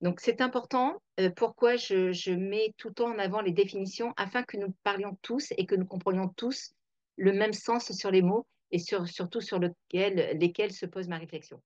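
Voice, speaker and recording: A woman hosts a reflective talk, thinking aloud with plenty of fillers and restarts. Her mid-range voice is steady, a little mellow and at normal speed. The recording is dry, dull and lo-fi.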